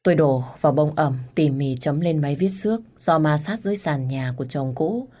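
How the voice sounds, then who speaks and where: A woman telling a dramatic first-person story in a steady narrating voice. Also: low voice, a little fast.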